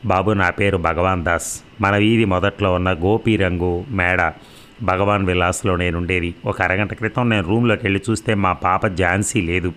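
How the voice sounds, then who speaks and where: A man's voice: sits low, fairly even intonation, normal speed, fairly bright tone, slight background noise. A man voicing an anxious, tired old landlord who speaks in a polite, pleading way in an audio story. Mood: worried pleading.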